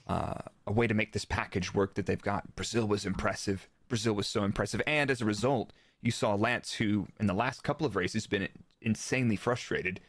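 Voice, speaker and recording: A man with a lowish voice talks a little quickly in a clean studio recording without room sound. As a guest expert who used to be a Formula 1 performance engineer, he gives casual technical motorsport commentary during a live interview, explaining informally and citing remarks along the way.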